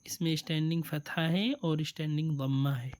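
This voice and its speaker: Smooth-voiced man teaching letters slowly. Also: a little high, steady tone, darkish tone. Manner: drawls letters and words slowly, then explains quickly; patient, repeats sounds for the learner. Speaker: Quran reading teacher. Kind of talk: step-by-step reading lesson.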